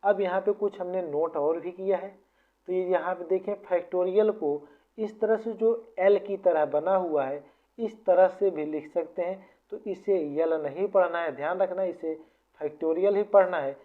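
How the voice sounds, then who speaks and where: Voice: mid-range voice, moderate pace. Patient teacher on a tinny line. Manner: patient, repetitive step-by-step explaining. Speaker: maths teacher. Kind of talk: explaining formulas in a lesson. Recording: tinny phone-like sound.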